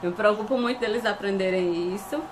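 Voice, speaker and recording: A woman's voice: medium pitch, fast talker, noisy background. A woman hosting a casual live stream from home, reading viewer comments aloud and laughing often.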